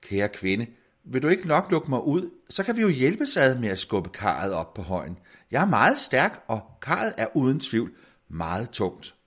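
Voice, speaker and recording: A man's voice: medium pitch, big pitch swings, fairly bright tone, pitched above the performer's own voice. A man voicing a middle-aged, hungry storybook man who pleads, his voice climbing when frightened. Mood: gentle. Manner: pleading, voice rising in panic.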